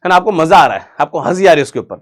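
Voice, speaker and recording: Man, high voice, young adult, Indian English accent, chatty teacher, jokey, self-questioning. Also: sing-song, very fast. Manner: chatty, jokey, asks and answers his own questions. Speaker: vocabulary teacher. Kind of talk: online exam-prep vocabulary lesson.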